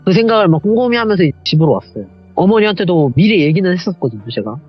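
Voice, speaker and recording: A man telling a true horror story at a quick clip, his pitch rising and falling a lot as he acts out each voice. His voice is a little husky and sits on the higher side. The sound is slightly dull, with faint music underneath. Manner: animated, acts out quoted voices. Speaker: guest storyteller.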